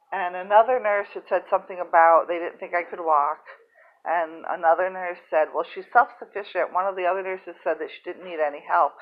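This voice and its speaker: A woman telling a personal story in a halting, soft-spoken, emotional way. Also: on the low side. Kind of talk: casual first-person storytelling. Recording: tinny phone-like sound.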